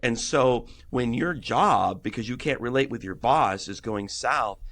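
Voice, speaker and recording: A man's voice: mid-range voice, expressive, measured pace, fairly bright tone. A middle-aged man, a pastor, talking earnestly on a podcast, rambling with many restarts. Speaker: guest worship pastor. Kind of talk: casual podcast conversation.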